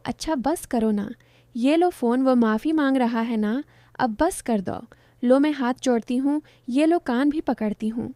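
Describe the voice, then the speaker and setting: A woman's voice: sits high, mellow, dry recording, close to an everyday voice. A woman voicing the playful, teasing young friend of a fiancée in a narrated story.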